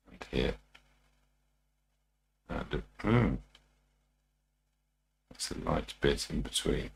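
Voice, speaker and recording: Very deep, gravelly male painting instructor. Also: slight background noise. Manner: unhurried, informal muttering to himself while working. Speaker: painting instructor and live-stream host. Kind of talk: TV painting instructor style, musing aloud while demonstrating.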